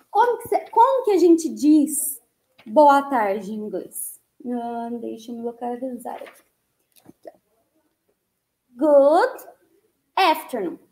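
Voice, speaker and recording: A woman from Brazil teaching a live online English lesson, explaining slowly, repeating words and checking in with her listeners. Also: high voice, a little mellow, echoey room.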